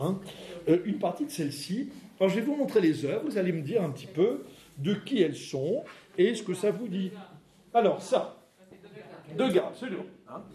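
Male lecturer, chatty and hesitant with fillers; mellow tone, recorded from afar in a reverberant room. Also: high-pitched. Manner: chatty, many fillers and repeated "hein". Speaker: art history lecturer. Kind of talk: lecture to a class. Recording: roomy hall, mic far off.

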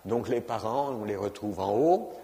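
A man's voice: fairly low pitch, expressive, normal speed, dark tone. A man giving an informal lecture on genealogy, talking conversationally and often adding "hein" and fillers. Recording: reverberant lecture hall.

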